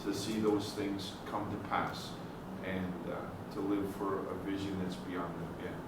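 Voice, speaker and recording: Distant, echoey low-voiced man. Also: level tone, a little slow. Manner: earnest, reflective. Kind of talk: casual reflective talk. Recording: distant, very echoey, with clear background noise.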